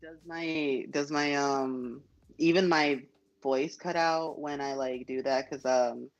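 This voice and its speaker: A man talks casually over a choppy internet call that keeps cutting in and out, his voice thin and dull through the app. He rambles a little and fills pauses with "um" and "like". The sound is lo-fi, as if heard through a laptop. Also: on the high side, steady tone. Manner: rambling, self-conscious, with many fillers. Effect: choppy internet call connection that cuts in and out. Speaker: guest poet calling in. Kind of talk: casual chat. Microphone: app on a phone or computer.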